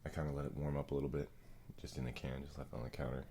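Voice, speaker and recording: A man speaking in a hushed, gravelly ASMR style, chatting casually in a laid-back, halting, slangy way. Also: extremely low pitch, level tone, slight background noise. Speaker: ASMR video creator and host. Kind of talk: soft-spoken ASMR, casual rambling chat.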